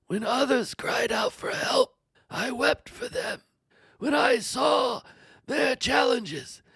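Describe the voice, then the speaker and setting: A woman's voice: high voice, creaky, husky, dry recording, heavily acted. A woman voicing the suffering old man Job, tearful and pleading, dramatically reading his lament with whispers and cries. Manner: anguished pleading, dramatic swings.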